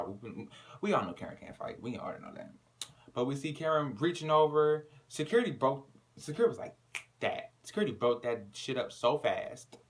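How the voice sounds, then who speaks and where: A man recaps a TV episode in a loose, slangy way, swearing freely and acting out the drama. His pitch sits in a mid range but swings widely. He sounds animated throughout. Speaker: TV recap reviewer.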